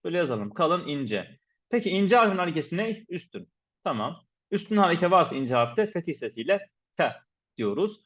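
A man's voice: fairly high pitch, big pitch swings, normal speed, a bit bright. A man teaching a pronunciation lesson, patiently repeating syllables to demonstrate and formally addressing his viewers as respected teachers. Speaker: Quran recitation teacher. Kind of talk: instructional lesson. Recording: dull lo-fi recording.

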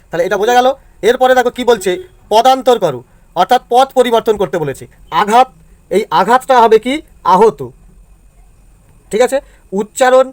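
A male teacher explains exam answers to students step by step and keeps checking that they follow. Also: sits high. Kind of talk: exam answer walkthrough lesson.

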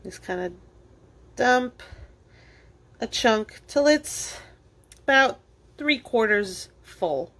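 Hosting a library cooking show, this woman gives a casual, step-by-step cooking tutorial while her hands stay busy at a kitchen counter. Her voice sits on the high side and sounds animated and a bit bright, though she speaks extremely slowly with long pauses.

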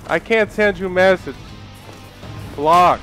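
Gamer guy, blunt and teasing, slightly high voice, music clear behind him. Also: takes it slowly, fairly bright tone.

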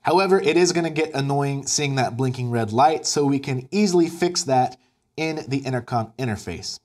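A man in his thirties with an American accent and a medium-pitched, darkish voice narrates an instructional tutorial over background music. He's an upbeat video presenter explaining things step by step.

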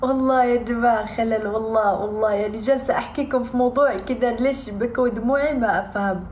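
A woman's voice: on the high side, steady tone, fast, a little mellow. A woman vlogging casually to her viewers, laughing through tears and swearing she doesn't mean to cry. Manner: laughing and crying at once, swearing oaths. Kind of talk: casual vlog talk to viewers. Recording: echoey room with faint background noise.

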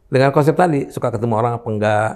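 An older man explaining talent mapping in a relaxed talk show conversation, giving examples from his grandchildren. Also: medium pitch, rapid-fire.

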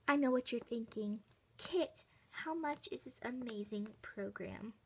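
A woman playing an earnest fitness host in a parody infomercial, giving a salesy pitch with rhetorical questions and deliberate emphasis. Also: darkish tone, slightly rough, poor audio. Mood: salesy, persuasive. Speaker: infomercial presenter.

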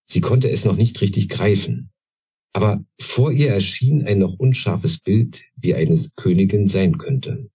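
A man, an author, reading aloud from his own novel in a measured, deliberate way, then talking about his characters. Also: lowish voice, expressive, warm tone, husky.

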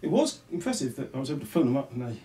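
A man's voice: mid-range voice, sing-song, very fast, warm tone. A man, chatting politely and thinking aloud as he works on equipment at home. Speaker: video channel host. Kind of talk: casual hands-on vlog chat. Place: indoor home rooms.

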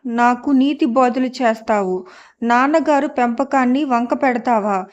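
Lady doing a distraught young woman, yelling and accusing, high voice, muffled lo-fi sound. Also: unhurried, close to an everyday voice. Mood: bitter. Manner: shouting, accusing. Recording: dull lo-fi audio.

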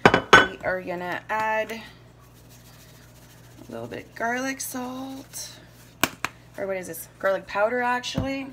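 Filmed on a phone camera in her kitchen, a woman in her thirties rambles through a casual cooking demo, correcting herself along the way. Her voice is a little high with huge pitch swings, a slow pace, and long pauses, and the recording is very noisy, full of clattering dishes and pans.

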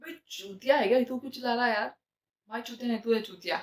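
Woman, crude brash banter, comic sketch, fairly high pitch, roomy echo. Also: quick pace. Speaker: comedy sketch creator.

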